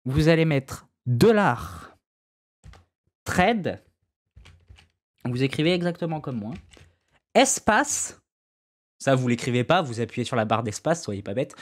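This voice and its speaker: A man talks through a gaming tutorial in a casual, slangy way. His voice sits at an ordinary middle pitch. He keeps it loose and makes self-mocking asides as he goes. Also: darkish tone. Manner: loose, slangy, with many fillers and restarts. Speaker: gaming YouTuber giving a tutorial. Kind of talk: casual screen-recorded tutorial.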